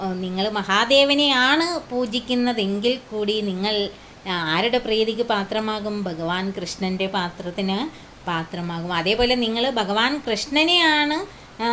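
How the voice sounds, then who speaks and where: A woman telling a devotional story in an unhurried, casual way, pausing often and asking the listeners questions. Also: medium pitch, fairly bright tone, slight background noise.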